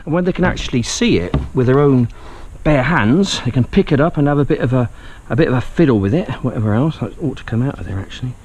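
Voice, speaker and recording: An English vlogger chats casually outdoors in a video diary, rambling and poking fun at himself. His mid-range, darkish voice is expressive and fast, with few pauses, and there is slight background noise.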